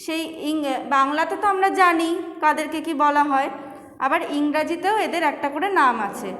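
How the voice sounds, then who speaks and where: A woman teacher giving a slow, patient lesson to young children and spelling out words letter by letter. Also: high-pitched, fairly bright tone. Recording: echoey room with long reverb.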